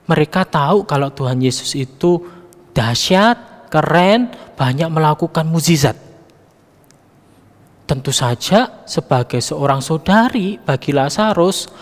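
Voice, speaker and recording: A man's voice: high voice, in a large hall. A man leading a children's Sunday school Bible lesson, coaxing and addressing the kids directly.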